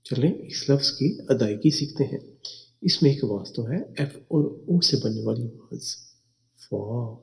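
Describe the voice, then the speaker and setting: A man teaching English words slowly, spelling each one letter by letter and repeating it. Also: mid-range voice, animated, gravelly. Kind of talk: slow spelling and pronunciation lesson.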